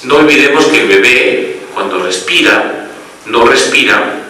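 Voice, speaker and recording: A man's voice: mid-range voice, animated, a little slow, pushed and bright, very echoey, recorded from a distance, a little hiss or hum, poor audio. A man giving a medical lecture as a pediatric doctor, explaining step by step and often checking that the audience follows.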